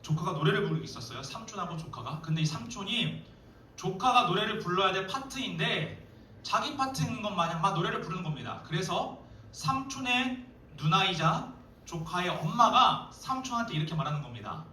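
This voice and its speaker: A man's voice: sits high, very animated, a little fast, bright, forceful tone, a little hiss or hum. A young man, a youth pastor, preaching a playful, joking sermon to teenagers in a church hall. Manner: playful, joking, addresses teens directly. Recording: echoey hall, mic far off.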